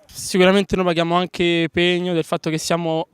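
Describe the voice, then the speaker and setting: A man's voice: high-pitched, flat delivery, normal speed, smooth, no echo. A man speaking as a team member in a post-match football interview.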